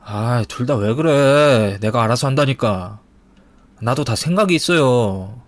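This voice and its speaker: A man's voice: medium pitch, moderate pace, no room sound, lightly acted. A man doing a sulky lazy young man. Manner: whiny, evasive.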